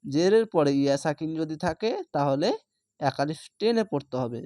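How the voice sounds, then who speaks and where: A Quran reading teacher giving a slow, patient lesson, spelling out syllables one by one and then blending them into words. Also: medium pitch, animated, mellow, no echo. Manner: patient, repeats words slowly for learners.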